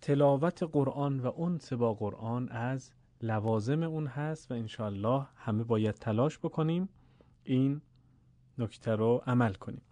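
A male Quran recitation teacher gives a recorded lesson at a middle pitch. He explains patiently and draws out example syllables slowly for the listener. The sound is dry and close. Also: mellow, no echo.

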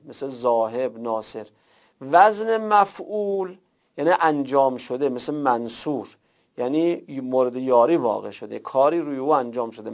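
A man's voice: medium pitch, gravelly. A man teaching a class, explaining step by step with worked examples and rhetorical questions. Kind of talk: classroom lecture. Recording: dull lo-fi recording.

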